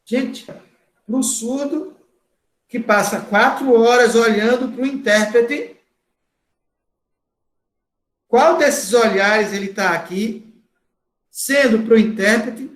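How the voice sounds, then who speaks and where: A man giving a lecture to a class, talking loudly and repeating words for emphasis. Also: high-pitched, takes it slowly, reverberant. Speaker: course instructor.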